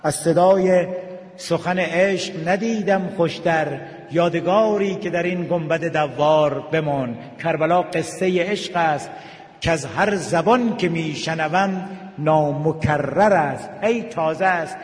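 A man preaching an emotional sermon, telling stories and dropping his voice low for tender moments, then lifting into sung lines. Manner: emotional, slows and drops to near whisper for tender moments, rises with sung passages. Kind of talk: religious sermon with storytelling. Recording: echoey hall reverb.

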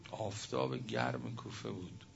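Male preacher, low gravelly voice, fervent sermon storytelling, muffled recording with faint hiss. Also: sing-song. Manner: impassioned, swings from loud to hushed.

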